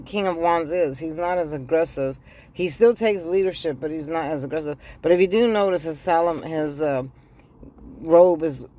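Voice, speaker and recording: Talking directly to camera from inside a car, a middle-aged tarot reader gives a casual reading on a handheld phone, her flu-rasped voice dotted with ums. Her pitch is lowish and her tone darkish.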